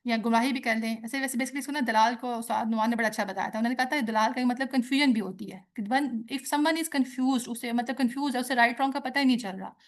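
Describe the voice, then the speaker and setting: A woman lectures on scripture, her speaking voice pitched slightly high. She explains step by step and slips easily between languages, quoting Arabic lines and then unpacking them for her students. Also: quick pace, few pauses. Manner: explanatory, mixing in English and quoted Arabic. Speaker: teacher. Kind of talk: religious lecture.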